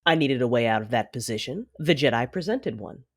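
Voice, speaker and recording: In an audio drama, a woman plays a commanding Sith lord who is coolly menacing. Her low, rumbling voice is expressive, and she speaks in a measured, imperious, formal way.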